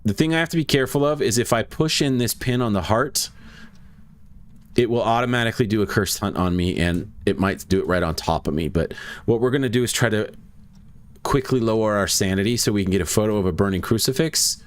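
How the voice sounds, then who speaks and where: Brisk, lowish-voiced gaming commentary comes from a young adult streamer playing a ghost-hunting game. He chats loosely with his audience, wandering off between gameplay observations.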